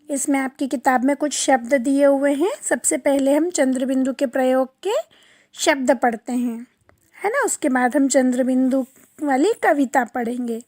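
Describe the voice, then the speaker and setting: A woman's voice: sits high, darkish tone, no echo, studio quality. A woman teaching young children a lesson, drawing out each syllable and asking questions she then answers herself. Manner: slow, drawn-out syllable-by-syllable pronunciation; asks the class questions and answers them herself. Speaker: primary school teacher. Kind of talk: online class lesson.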